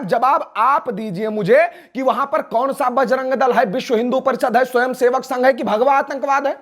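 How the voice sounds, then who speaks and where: Fiery high-voiced man declaiming. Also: fairly bright tone. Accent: Awadhi Hindi. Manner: fiery, declamatory, rhetorical questions. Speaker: nationalist speaker, guest. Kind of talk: impassioned interview answers.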